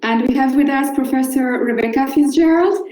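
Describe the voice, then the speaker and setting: A Moroccan woman whose first language is Moroccan Arabic moderates a live online panel over a video call. Her voice is high, warm and a little fast, and she hesitates often with many filler uhs. The recording is rough and reverberant.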